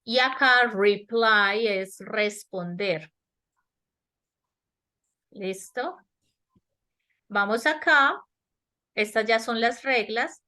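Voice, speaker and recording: Slow, bright-voiced woman teaching grammar. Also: a little high. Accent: Latin American Spanish. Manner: slow, explanatory, checks understanding with repeated questions. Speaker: English teacher. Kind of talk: online grammar lesson. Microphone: webinar headset or laptop mic.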